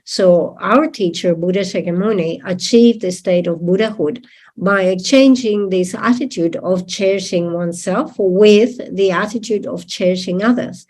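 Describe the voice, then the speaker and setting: A woman who is not a native English speaker interprets a Buddhist teaching, speaking deliberately and checking in with listeners through tag questions. Her voice is medium in pitch and a little mellow.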